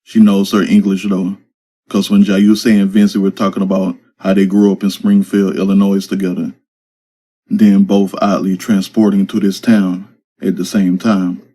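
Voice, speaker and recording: Male narrator, low mellow voice, flat even delivery, casual slangy storytelling. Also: normal speed. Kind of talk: reading his own urban fantasy story.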